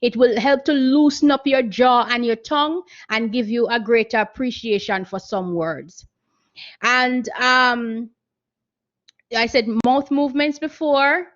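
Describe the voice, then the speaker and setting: A woman's voice: on the high side, a little slow, a bit bright. A woman giving an earnest, instructive seminar talk on public speaking and voice training over a video call, often repeating her key points. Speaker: guest speaker. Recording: muffled video-call audio.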